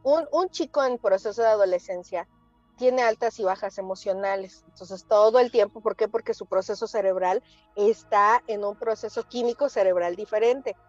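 A woman, a therapist guest chatting on a talk show and telling lively anecdotes that she acts out. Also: mid-range voice, moderate pace, dry recording, muffled recording, soft background music. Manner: animated storyteller, acts out quotes. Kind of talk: casual talk show chat.

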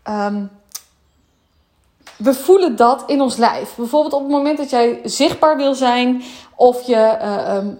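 Woman coach, slightly high voice, frank casual monologue, drops English slang. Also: measured pace, pauses often, warm tone.

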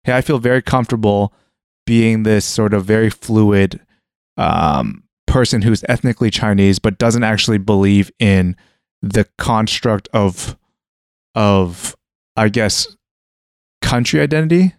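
This young Canadian speaks a little slowly in a clear, resonant, fairly low voice, musing through a relaxed conversation. He hesitates, restarts sentences and relies on "like" as he gropes for what he means, captured dry and close to the microphone.

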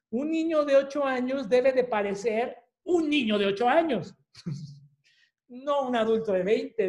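A woman's voice: on the high side, warm tone. A woman teaches about attachment in a plain explanatory voice. She checks in with her listeners through short tag questions and walks them through everyday examples. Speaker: attachment and relationships educator. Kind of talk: educational talk.

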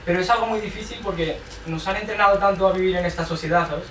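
Man, earnest advice-giver in a group, fairly high voice, picked up from afar in an echoing room. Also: quick pace, a bit bright. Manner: earnest, advising, keeps adding a tag question. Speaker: group participant. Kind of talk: reflective group sharing talk. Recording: echoey room from far off, faint noise.

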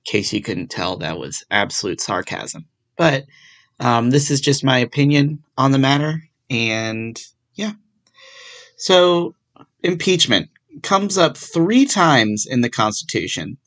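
Hosting a podcast on his own, a young adult law student covers a legal topic in a relaxed, self-deprecating style laced with dry sarcasm. He speaks unhurriedly at medium pitch, with lively intonation and a slightly bright sound.

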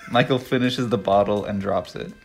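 A man with a lowish voice reads stage directions aloud as a podcast host. He keeps breaking into laughter, then slides into casual chat. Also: fairly even intonation, normal speed, vocal fry, faint music behind.

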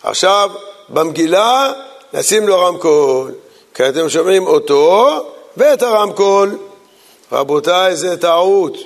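Rabbi teaching a law class, high gravelly voice, big echoey hall, acts out the folks in his stories. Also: expressive.

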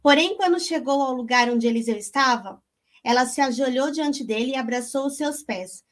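A woman's voice: sits high, moderate pace. A woman talking casually about a Bible story and her own life, chatty and emotional, calling her listeners "gente". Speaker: co-host.

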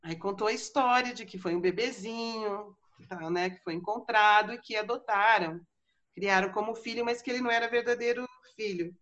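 A woman's voice: medium pitch, moderate pace, a bit bright, muffled recording. A woman podcast host casually retelling a story, chatty with frequent fillers. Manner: chatty, many fillers like né and tal.

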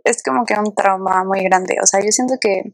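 A woman with a gravelly voice and a flat, even delivery, calm and reflective in casual conversation. She is recorded close and dry. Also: medium pitch, moderate pace, dry recording. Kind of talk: casual chat.

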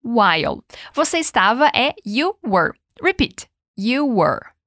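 A Brazilian woman with a fairly high voice leads a podcast English lesson in an upbeat, coaching way. She says each English word slowly and then asks the listener to repeat it. The recording is close and dry. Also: sing-song, a bit bright, no echo. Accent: Brazilian Portuguese. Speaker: English teacher and podcast host. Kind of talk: podcast language lesson with repeat-after-me drills.

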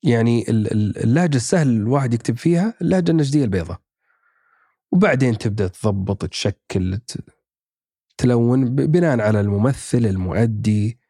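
A man's voice: mid-range voice, lively intonation, brisk, dark tone, husky, no echo, studio quality. A man, chatting casually as a podcast guest, thinking aloud with many fillers and restarts. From Saudi Arabia. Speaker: podcast guest, actor and writer. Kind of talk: casual chat.

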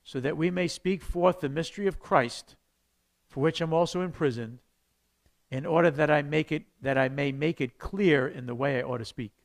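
Animated New pastor teaching a class. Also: male voice, on the high side, moderate pace. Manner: conversational, animated with sudden loud bursts.

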